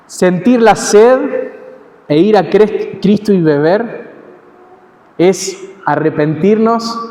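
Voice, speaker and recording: A man with an Argentine accent preaching an expository sermon in a measured, teaching way, pausing and correcting himself now and then. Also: on the high side, darkish tone. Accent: Argentine Spanish. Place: church hall. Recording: long church hall reverb.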